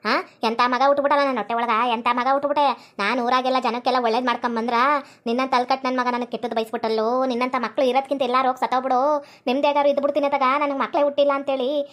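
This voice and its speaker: A woman's voice: sits high, little pitch movement, fast talker, fairly bright tone. A woman in her forties with a North Karnataka Kannada accent, playing a distraught village nurse-mother who scolds her son in a skit. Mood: scolding. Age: 40s. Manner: wailing, scolding, repeated rhetorical questions.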